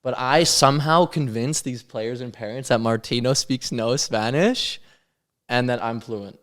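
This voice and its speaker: A man's voice: medium pitch, unhurried, a bit bright. Joking, teasing man from Canada. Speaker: podcast host and youth soccer coach. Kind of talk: casual podcast chat.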